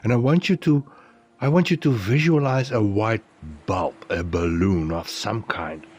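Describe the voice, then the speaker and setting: A man with a fairly low, darkish, husky voice narrates a guided meditation, soothing and deliberate, leaving pauses between phrases.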